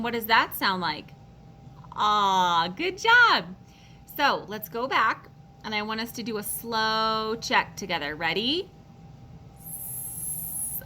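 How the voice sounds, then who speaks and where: Lady teacher doing a phonics lesson for little kids, bright voice, slow and patient, faint rumble behind. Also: rough recording. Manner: slow, encouraging, sounds words out for kids. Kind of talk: online phonics lesson for children.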